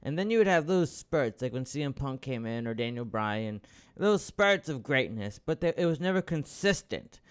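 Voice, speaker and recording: Excitable man ranting about wrestling. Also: medium pitch, normal speed, clean tone. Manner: excitable, bursts into loud enthusiastic outbursts; rambling with frequent restarts and swearing. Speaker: podcast host. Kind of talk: casual wrestling commentary.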